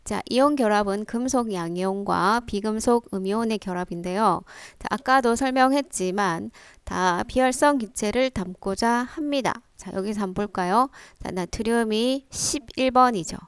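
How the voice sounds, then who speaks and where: A woman's voice: medium pitch, normal speed, hardly any pauses, smooth, no echo. A woman science teacher explaining step by step in a lecture, prompting with rhetorical questions. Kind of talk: classroom lecture.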